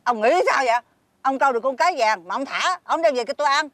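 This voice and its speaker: A woman's voice: sits high, fast, fairly bright tone, dry recording. A woman with a Southern Vietnamese accent playing an older fisherman's greedy wife who scolds and makes demands. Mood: scolding. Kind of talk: fairy-tale drama acting.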